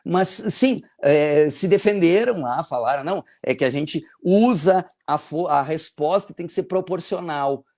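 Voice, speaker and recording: A man with a fairly high voice holds a casual podcast discussion. He talks in a loose, conversational way and keeps checking in with his listeners. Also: measured pace, hardly any pauses, darkish tone. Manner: conversational, frequent "tá?" tags. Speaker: podcast host, teacher.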